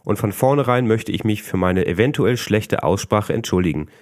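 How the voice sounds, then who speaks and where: A man from northern Germany with a northern German accent, calmly reading a scripted podcast narration with a slight mumble. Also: fairly low pitch, normal speed, no echo, studio quality. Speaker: podcast host.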